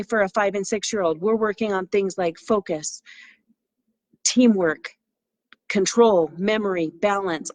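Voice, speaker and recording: A woman's voice: medium pitch, no echo. A middle-aged woman who owns a martial arts studio, telling stories in a casual, enthusiastic interview and acting out the people she quotes. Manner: enthusiastic, acts out quotes in a lively voice.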